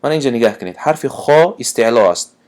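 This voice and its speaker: A man with a Tajik accent gives a recitation lesson, stretching the verses out slowly in a raised voice. Between the verses he drops back to brisk, lower explanation. His pitch moves a lot between the two. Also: lively intonation, darkish tone. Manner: slow drawn-out recitation alternating with quick explanation. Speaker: Quran recitation teacher. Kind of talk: tajwid lesson with recited examples.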